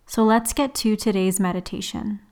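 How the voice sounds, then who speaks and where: A woman leading a guided relaxation meditation in a soothing, unhurried sleep-story manner, leaving long pauses. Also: mid-range voice, steady tone, darkish tone. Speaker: yoga and meditation teacher, host. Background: background music.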